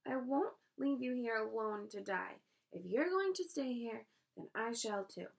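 A woman reading aloud, voicing a desperate young male pig who pleads in a high voice near tears. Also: moderate pace, vocal fry, far from the mic. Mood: frantic.

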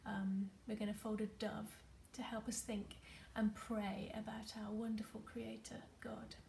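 Soft-spoken woman with a gravelly, flat voice. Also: mid-range voice, unhurried, a little hiss or hum. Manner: soft, gentle, many fillers; often drops to a near whisper. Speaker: meditation leader. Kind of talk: guided craft meditation. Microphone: computer or phone camera.

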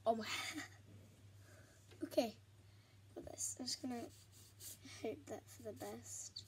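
A woman's voice: fairly high pitch, fairly even intonation, takes it slowly, noisy background. A young woman chatting to herself in a rambling, giggly way as she works on a pastel drawing for her vlog. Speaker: vlogger. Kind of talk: chatty art vlog narration.

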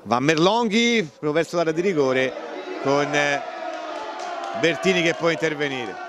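With a slightly high voice and an unhurried pace, an Italian man delivers live play-by-play of a football game, while a football crowd and outdoor noise can be faintly heard behind him.

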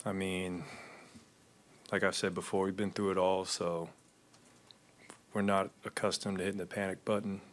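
A man in his thirties, a basketball player answering questions at a postgame press conference into a desk microphone, measured and low-key with frequent fillers. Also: level tone. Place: arena press room.

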